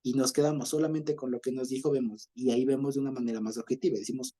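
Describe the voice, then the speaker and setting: A man's voice: medium pitch, fairly even intonation, fast talker, warm tone. A man with an Ecuadorian accent teaching a Bible study in a chatty way, often checking that listeners follow and chuckling as he goes. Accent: Ecuadorian Spanish.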